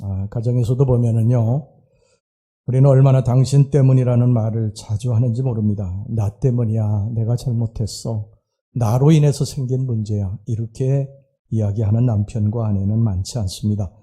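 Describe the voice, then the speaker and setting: Husky, dark-voiced male pastor preaching. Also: mid-range voice, steady tone, normal speed. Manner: earnest preaching with emphatic rises and quieted asides. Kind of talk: sermon. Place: church sanctuary.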